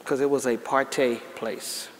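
A man's voice: medium pitch, fairly even intonation, a little slow. A man preaching a sermon as pastor, folksy, calling out to the congregation and rising into emphatic bursts. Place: large church sanctuary. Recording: echoey church hall with faint noise.

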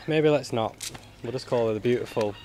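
Man, mid-pitched voice, casual travel vlog chat, matey slang, faint outdoor and motorbike noise. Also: a little fast, mellow. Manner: chummy, colloquial, mild swearing. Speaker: travel vlogger. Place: outdoors on rural roads and temple grounds.

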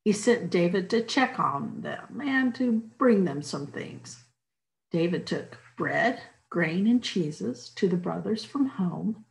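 A woman's voice: on the low side, expressive, creaky, rough recording. A woman reading a rhyming children's Bible story aloud as a church storyteller. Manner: slow, rhyming storybook telling.

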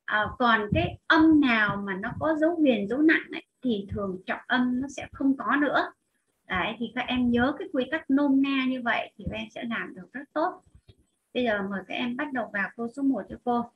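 High-voiced Vietnamese woman teaching English. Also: dull audio. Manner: explains step by step, addresses students directly. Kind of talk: recorded online lesson.

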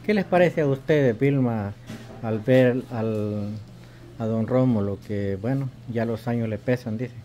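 Older Salvadoran man as casual host, mid-pitched, agreeing and echoing, noisy on-location recording. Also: unhurried, mellow, distant mic. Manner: echoes and affirms what he hears. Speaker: host and interviewer. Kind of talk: casual chat. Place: inside a small rustic house. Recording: noisy on-location camera audio.

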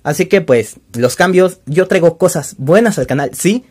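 A man's voice: sits high, animated, normal speed, darkish tone, breathy edge. A man with a Mexican accent hosting his own channel, showing items in a casual, joking, self-deprecating chat. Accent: Mexican Spanish. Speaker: toy-collecting channel host. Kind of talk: casual show-and-tell vlog.

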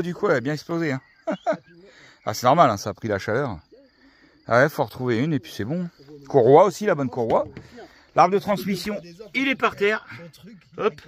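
Casual male vlogger from France, animated and rambling, handheld camera. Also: on the high side. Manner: chatty and relaxed, with many fillers. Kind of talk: casual vlog chat.

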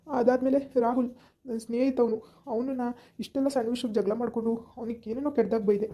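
A woman's voice: fairly high pitch, dark tone, dull audio, lightly acted. A woman playing a guilt-ridden young husband who is crying and stammers as he pleads, in an amateur village drama. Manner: halting, stammering pleas.

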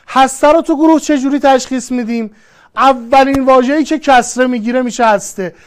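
A woman teaching a grammar lesson online, patiently repeating each rule and working through examples one by one. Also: sits high. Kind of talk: online lesson, explaining step by step.

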